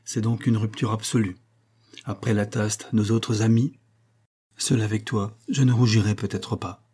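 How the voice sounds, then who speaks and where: A man reading aloud voices a young woman who speaks softly but firmly, with pained resolve. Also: lowish voice, fairly even intonation, unhurried, husky. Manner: soft yet firm, pained.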